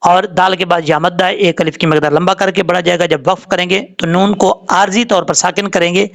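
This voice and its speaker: A man's voice: high voice, steady tone, gravelly, a bit bright. Guy, patiently going over quran reading rules letter by letter. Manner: patient, explains rules step by step, then recites slowly drawn out. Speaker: Quran recitation teacher. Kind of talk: tajweed lesson, spelling out letters and vowels.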